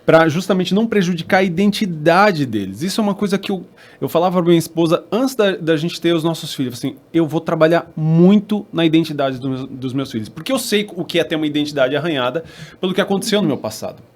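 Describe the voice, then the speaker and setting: Hosting a church podcast, a man with a Brazilian Portuguese accent tells a family story animatedly, acting out the dialogue. His voice is a little high and his pace is quick.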